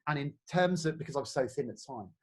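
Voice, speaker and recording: A man's voice: fairly high pitch, lively intonation, fast talker, slightly rough. A man from England giving casual acting tips in a workshop, chatty and full of fillers and restarts. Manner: chatty, many fillers and restarts, laughs easily. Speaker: theatre workshop leader.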